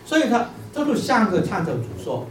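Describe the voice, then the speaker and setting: A man's voice: high-pitched, wildly swooping pitch, a little fast, slight background noise. Preacher man in an echoey room. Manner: storytelling, asks the listeners questions. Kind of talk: sermon with a parable. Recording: echoey room, distant mic, faint music.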